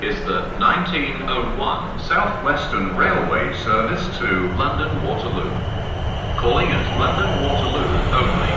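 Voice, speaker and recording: A man giving scripted train station announcements in a formal, measured way, reading out stops in separate phrases. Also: mid-range voice. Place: railway station platform, over the PA system. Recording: echoing station loudspeaker from far off, loud train noise. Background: trains and station ambience.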